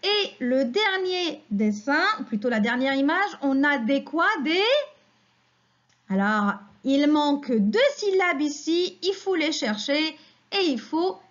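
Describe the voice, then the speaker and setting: Woman teacher, high lively voice, slow patient kindergarten phonics lesson, slightly dull lo-fi recording. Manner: slow, patient, questioning children and praising them.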